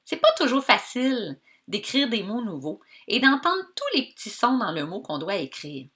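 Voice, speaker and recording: A woman teacher with a Québécois accent giving a reading lesson to children, slowly drawing out the sounds in words and encouraging her pupils. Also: on the high side, very animated, fairly bright tone. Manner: slow, stretched-out sounds of words for young learners; encouraging, addresses pupils directly.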